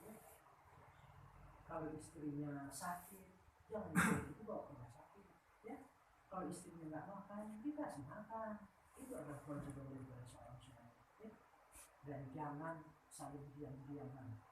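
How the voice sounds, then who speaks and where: A woman giving lively, teasing marriage advice at a wedding ceremony, checking in with the couple with a constant "ya?". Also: low-pitched, normal speed. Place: marriage hall. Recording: very echoey hall, far from the mic, faint noise.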